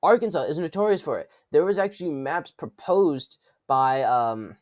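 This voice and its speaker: Congested from a cold, a man with a stuffy, darkish, somewhat high, expressive voice offers casual political commentary at a moderate pace. He rambles, restarts, corrects himself, and drops wry asides. The recording is clean studio sound with no room sound.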